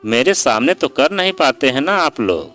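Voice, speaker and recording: A man's voice: medium pitch, big pitch swings, moderate pace, a bit bright, faint music behind. A man voicing a hurt, outspoken young daughter-in-law in a storybook reading, speaking sharply and sarcastically. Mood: bitter. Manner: sarcastic and pleading by turns.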